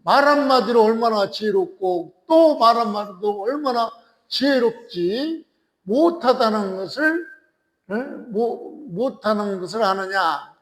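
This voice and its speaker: A man lecturing on a classical text. He explains slowly, repeats phrases, and keeps checking in with his listeners using quick tag questions. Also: high-pitched, expressive, fairly bright tone. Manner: slow and deliberate, repeating and restarting phrases. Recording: echoey lecture hall with long reverb.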